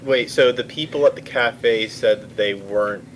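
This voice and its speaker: A man's voice: mid-range voice, moderate pace, slight background noise, low-quality recording. A man playing a tabletop game, chatting casually, hesitant at times but playful. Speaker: player.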